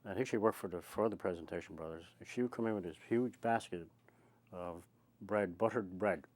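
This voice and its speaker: An older Irish man with a fairly low voice, recalling his past in conversation. He talks in a chatty, rambling way, like someone telling stories in an interview. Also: fairly quick, a little mellow. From Ireland. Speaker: oral history interviewee. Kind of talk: conversational reminiscence.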